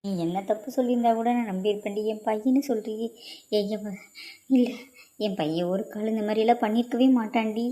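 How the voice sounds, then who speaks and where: A woman's voice: medium pitch, fairly even intonation, fast talker, warm tone, close to an everyday voice. A woman voicing a middle-aged aunt in a cartoon drama who refuses to believe her son did wrong. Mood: anguished. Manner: anguished, disbelieving, imploring.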